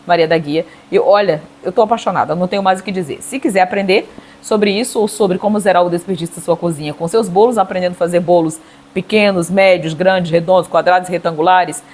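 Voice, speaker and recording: A woman's voice: lowish voice, a little mellow, slight background noise. A middle-aged Brazilian woman giving a casual cake decorating tutorial, chatty, checking in with her viewers with little tag questions.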